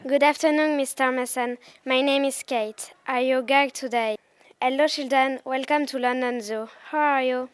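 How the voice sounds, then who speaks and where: A woman's voice: sits high, steady tone, normal speed, clean tone, no echo, lightly acted. A schoolgirl playing a cheerful zoo guide who gives a class the rules in a school play. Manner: upbeat, giving instructions.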